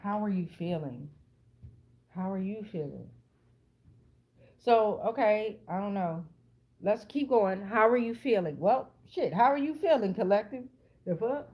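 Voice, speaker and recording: Speaking a little slowly with frequent pauses, an American woman uses a medium-pitched, darkish voice with lively intonation. As a tarot reader hosting her channel, she delivers a casual improvised reading to online viewers, blunt, street-savvy and laced with profanity, often repeating herself for effect.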